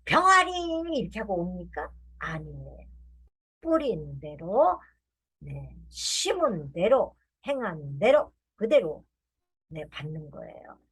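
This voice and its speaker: A woman preaching a sermon, telling folksy stories with acted-out voices and slowly drawn-out refrains. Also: on the low side, husky. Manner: animated storytelling, acts out quoted lines.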